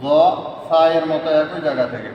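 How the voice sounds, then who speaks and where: A man's voice: on the high side, fairly quick, dull audio, a little hiss or hum. A man teaching Quran letter pronunciation in a lesson. He goes step by step and repeats each letter three times. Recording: echoey hall from far off.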